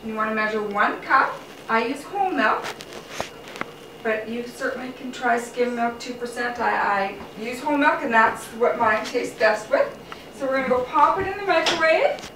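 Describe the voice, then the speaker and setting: A middle-aged woman hosts her own casual cooking show from her home kitchen, chatting through each step of a recipe. Her voice is fairly high and expressive, at a moderate pace. A camera mic a few metres off captures a distant, roomy sound full of loud kitchen clatter.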